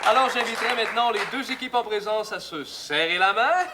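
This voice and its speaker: A man's voice: high-pitched, brisk, a loud crowd, very noisy, lightly acted. A man playing a chipper male TV game show host with a Québécois accent, in a comedy sketch parody, with a bouncy, exaggerated showman delivery.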